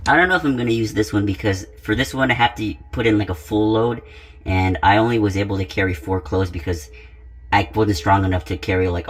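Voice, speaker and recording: A tired, out-of-breath young man talking casually as a vlogger, chatty and self-mocking, often trailing off mid-sentence in a home laundry room. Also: on the low side. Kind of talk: casual vlog commentary. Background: background music.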